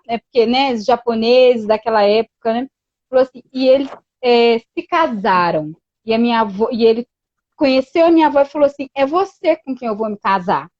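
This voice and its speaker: High-voiced woman telling a story. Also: darkish tone, dry recording. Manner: storytelling with many quoted exchanges and frequent "né". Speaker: guest. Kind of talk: casual chat. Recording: dull lo-fi dry sound.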